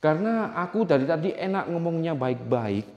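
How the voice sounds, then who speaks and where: Angry, husky-voiced man taunting ghosts. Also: a little high, expressive, brisk, lo-fi sound. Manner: angry, taunting, swearing at spirits. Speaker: paranormal explorer vlogger. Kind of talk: ghost-hunting vlog, talking to camera. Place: abandoned village outdoors.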